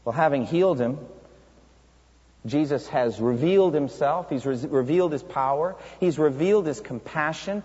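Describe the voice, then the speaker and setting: Husky preacher in a reverberant hall. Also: male voice, on the high side, normal speed, a little mellow. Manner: earnest, storytelling with rhetorical questions. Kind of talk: sermon. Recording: dull, reverberant church hall sound.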